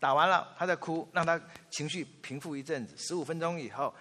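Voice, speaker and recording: A man in his fifties giving a sermon, telling family anecdotes in an animated way and acting out the quotes. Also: on the high side, fairly quick. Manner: storytelling, animated, acts out quotes. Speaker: pastor. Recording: long reverb of a large hall.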